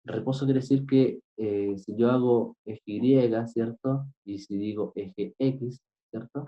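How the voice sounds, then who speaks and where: A man teaching physics, explaining a problem step by step and often pausing to ask his students if they follow. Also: medium pitch. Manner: keeps asking "right?" to check understanding; patient, step-by-step. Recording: dull lo-fi recording.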